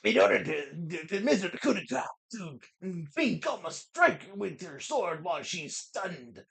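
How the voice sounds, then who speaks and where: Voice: mid-range voice, sing-song, normal speed, creaky. A streamer putting on a sneaky, whiny bug-loving boy duelist with a nasal voice, reading game lines in a sneering, theatrical way during let's play commentary. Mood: scheming.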